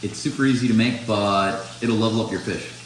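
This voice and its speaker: A man's voice: fairly low pitch, brisk, slight background noise. A middle-aged man chatting and cooking in a home kitchen, laid-back, with dry humor. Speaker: host's father. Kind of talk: casual storytelling and cooking chat. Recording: roomy kitchen echo.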